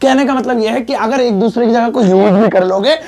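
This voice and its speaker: A man leads an English lesson with a gravelly edge to his voice. He jokes and teases between explanations and says every example twice, once in Hindi and once in English. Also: very high voice, brisk, darkish tone. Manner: joking, teasing asides between explanations. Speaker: English teacher. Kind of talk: classroom-style spoken lesson.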